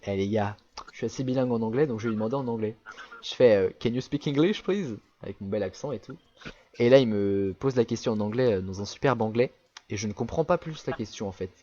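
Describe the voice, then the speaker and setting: A man's voice: on the low side, darkish tone, dull audio. A young French man rambling through a casual travel anecdote, full of fillers and restarts. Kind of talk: casual storytelling chat.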